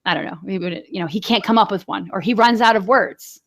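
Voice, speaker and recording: Woman, 40s, podcast co-host, rambling anecdotal chat, mid-pitched. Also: fast. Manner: chatty storyteller, many fillers and laughs. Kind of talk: casual chat.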